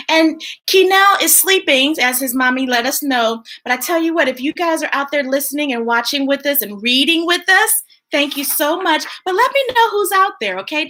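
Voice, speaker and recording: Reading picture books aloud with plenty of expression, a high-pitched woman hosts a children's story time at normal speed. She chats playfully with viewers, gushing and animated.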